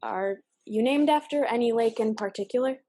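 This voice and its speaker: A woman's voice: fairly high pitch, moderate pace, dark tone. A woman playing a blunt, sarcastic female army recruiter who swears offhandedly, in an indie audio drama.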